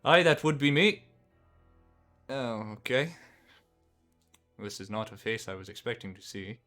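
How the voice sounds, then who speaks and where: A man's voice: mid-range voice, animated, measured pace, sharp tone, soft background music. A man voicing a weary garage owner. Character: jaded male garage owner, early forties. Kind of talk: tabletop role-play.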